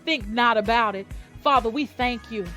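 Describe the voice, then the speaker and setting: A woman's voice: on the high side, normal speed, bright, forceful tone, faint music behind. A woman gospel radio host leading a fervent live prayer, repeating lines in a preacher-like call and response.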